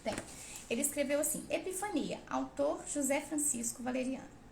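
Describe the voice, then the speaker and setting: A woman's voice: high voice, moderate pace, gravelly, background noise. A woman who is a parent hosts a live Q&A about literacy, talking bluntly and emphatically, scolding and acting out the people she quotes. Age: adult parent. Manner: acts out quoted voices. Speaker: host of a parenting and literacy channel. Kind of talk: live Q&A talk. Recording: roomy echo with faint ambience.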